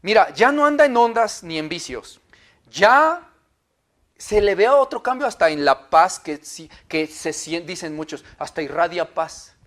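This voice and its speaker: A male pastor with a Mexican Spanish accent preaching a conversational sermon. He is lively and informal and keeps checking in with tag questions. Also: high voice, measured pace.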